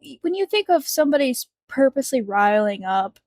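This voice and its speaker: A woman's voice: high-pitched, sing-song, fairly quick, darkish tone, no echo. A woman co-hosting a podcast in casual chat, chatty and giggly, with many fillers. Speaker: podcast co-host.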